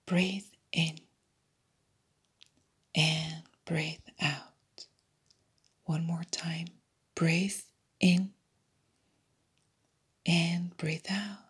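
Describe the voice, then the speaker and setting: A woman guiding a hypnosis meditation in a soft unvoiced whisper, repeating soothing suggestions. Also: fairly low pitch, little pitch movement, drawn-out words, long pauses, slightly rough. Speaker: meditation guide.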